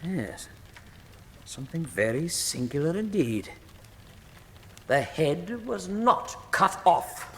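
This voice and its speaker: An actor playing a grave, earnest and loyal British gentleman doctor who speaks formally and emphatically in a period radio drama. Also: fairly high pitch, big pitch swings, slow pace, long pauses, full character voice. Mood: grave, horrified. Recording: long hall reverb.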